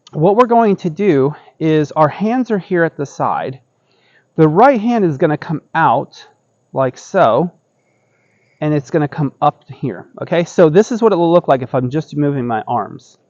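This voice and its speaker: A man's voice: fairly high pitch, a little mellow, no echo, dull audio. A middle-aged man giving casual step-by-step tai chi instruction, explaining and often checking in as he goes. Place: outdoor wooden deck by trees.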